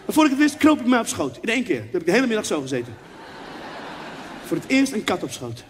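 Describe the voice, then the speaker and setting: High-voiced young man doing stand-up. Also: fast. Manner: animated storytelling, acts out dialogue and sound effects. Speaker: comedian. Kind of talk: stand-up comedy. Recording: reverberant venue with faint background noise.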